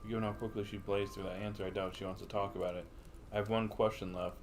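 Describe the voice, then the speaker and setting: A man with a lowish voice streams a game live, reading lines aloud and musing to himself at a quick, level pace. Game music plays behind him, making the background noisy.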